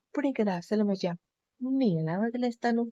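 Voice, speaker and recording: A woman's voice: fairly high pitch, brisk, mellow, dry recording, natural voice. A woman reading a vengeful, taunting husband. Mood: menacing. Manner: taunting, threatening. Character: young man, vengeful and menacing husband. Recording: dull lo-fi recording.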